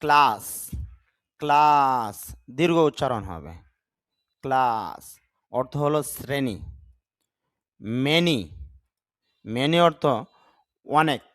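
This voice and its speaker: Expressive and a bit bright, this man's mid-range voice comes through with no echo. He's teaching English vocabulary with pronunciation drills, slowly and deliberately pronouncing every word, saying it again, spelling it and describing how to say it correctly.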